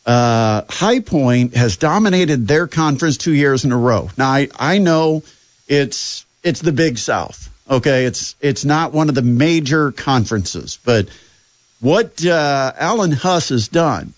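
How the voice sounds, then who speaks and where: A man's voice: mid-range voice, animated, unhurried, no room sound, muffled recording. A man hosting a sports radio show, talking casually with sarcasm and plenty of fillers. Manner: sarcastic, chatty, lots of fillers.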